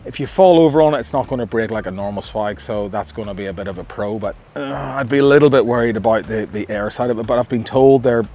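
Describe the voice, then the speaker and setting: A man's voice: fairly low pitch, fast, few pauses, mellow. A middle-aged Australian man giving a chatty, enthusiastic camping gear review outdoors at a campsite, often restarting his sentences. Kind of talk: casual outdoor product review. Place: outdoor campsite among trees.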